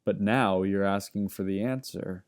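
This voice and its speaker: A man's voice: low voice, unhurried, smooth. A man reading aloud, voicing a sly, smug young man who teases and bargains easily. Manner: smug, easy, teasing.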